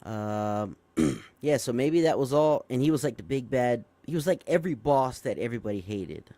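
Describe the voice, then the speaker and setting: A young man hosting a casual live stream, reading a news story aloud and breaking off to react. He swears freely, stumbles and fixes his words as he goes, and sounds amazed. His voice sits at an average pitch and is recorded dry and close. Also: big pitch swings, moderate pace, dark tone, no echo. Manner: swearing, easily amazed, with frequent fillers and self-corrections. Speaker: show host.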